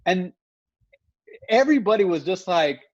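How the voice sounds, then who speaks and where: A man's voice: high-pitched, lively intonation, normal speed, no room sound, lo-fi sound. A man co-hosting a casual law podcast, telling a long courtroom anecdote full of "you know"s. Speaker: family law attorney, podcast co-host. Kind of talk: casual storytelling chat.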